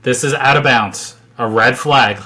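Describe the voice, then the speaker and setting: A man co-hosting a podcast, with a voice of ordinary middle pitch. He speaks earnestly and emphatically. He often cuts in with quick agreement. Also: sharp tone. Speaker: podcast co-host. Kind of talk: casual chat.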